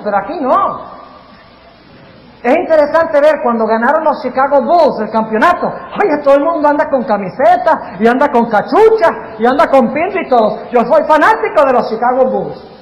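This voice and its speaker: A male pastor delivers a lively sermon, firing questions at the congregation. His voice sits high, and it rings out through a large hall with a long reverb tail and a faint hum behind it. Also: highs cut off. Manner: animated, quizzes the audience with questions. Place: large hall before a live audience. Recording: echoey hall, faint noise.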